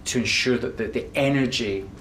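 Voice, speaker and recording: A man's voice: mid-range voice, normal speed. A man talking reflectively and carefully in an interview. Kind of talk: interview talk. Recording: roomy distant sound with noise.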